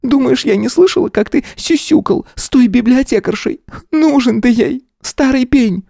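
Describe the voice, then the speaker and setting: A man's voice: moderate pace, warm tone, dry recording, clean studio sound, lightly acted. A man voicing a grieving, furious older wife who shrieks and spits insults at her husband. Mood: venomous. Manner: shrill, hysterical, spiteful.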